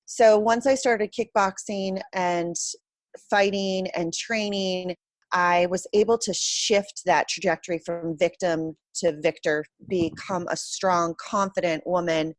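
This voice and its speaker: A woman's voice: lowish voice, fairly even intonation, takes it slowly, no echo. A woman answering interview questions as a guest in a candid, reflective conversational way. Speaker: interview guest, self-confidence coach.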